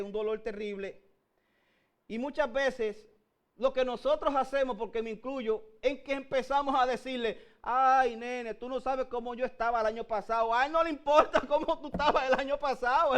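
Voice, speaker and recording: A man with a Puerto Rican accent preaching a sermon, calling his listeners "brother" again and again and building up to emphatic peaks. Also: extremely high pitch. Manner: addresses listeners as "hermano" constantly, rising to emphatic peaks.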